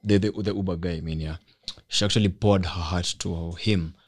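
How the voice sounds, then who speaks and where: A young Kenyan man with a fairly low voice hosts a casual podcast. His talk is animated and slangy, full of street expressions and little checking tags. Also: moderate pace. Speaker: podcast host. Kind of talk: casual chat mixed with slang.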